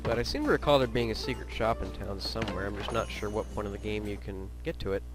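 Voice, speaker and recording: A man's voice: fairly low pitch, fast, over music. A man giving casual, blunt and sweary gameplay commentary as a let's play host. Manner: blunt, griping, profane.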